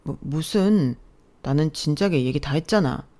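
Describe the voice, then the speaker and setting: A woman's voice: sits low, expressive, moderate pace, mellow. A woman voicing an evasive husband who hides behind his mother and answers in a stammering, defensive way. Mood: flustered.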